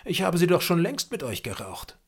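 A man voicing an angry, proud Native chief in an audiobook, with loud, high, forceful outbursts. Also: wildly swooping pitch, moderate pace, husky, exaggerated voice. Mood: wary. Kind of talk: audiobook character reading.

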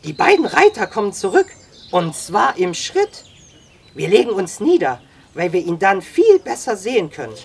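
A reader voicing Sam, a hearty old frontiersman who talks loudly and high in excitement. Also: normal speed, vocal fry, slightly rough, exaggerated voice. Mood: puzzled. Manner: loud exclamations, high-pitched.

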